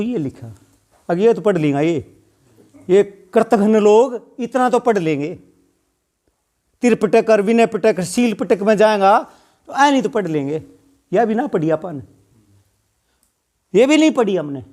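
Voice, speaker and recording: A man of around sixty from Haryana, India, speaks in a high, mellow voice as the retiring speaker at a Buddhist temple gathering. His public speech is fiery and scolding, packed with rhetorical questions.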